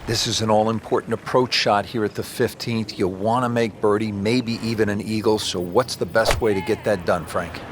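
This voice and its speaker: A man playing a television golf commentator, calling a tournament in a measured announcer's delivery. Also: fairly low pitch, steady tone, background noise, lightly acted. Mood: measured, admiring. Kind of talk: golf commentary, scripted game broadcast. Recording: loud crowd and outdoor ambience behind. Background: golf crowd ambience.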